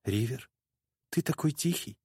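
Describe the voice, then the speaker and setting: A man's voice: medium pitch, lively intonation, a little slow, a little mellow, slightly rough, dry recording, studio quality. A man voicing a tearful teenage girl. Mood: soft.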